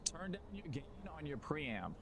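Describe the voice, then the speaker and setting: A man's voice: a little high, big pitch swings, moderate pace, creaky, background noise. A man streaming a game, chatty and upbeat while fiddling with his gear, his voice passing through uneven auto gain so the volume keeps swinging up and down. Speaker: gaming livestreamer. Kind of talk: casual live-stream chat.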